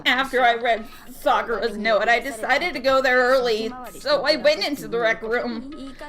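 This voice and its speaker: A high, timid schoolgirl who stammers and trips over her words, as a woman reads her part. Her voice stays soft and hesitant. Game music plays underneath. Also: moderate pace, natural voice. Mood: nervous. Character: timid nervous teenage girl confessing.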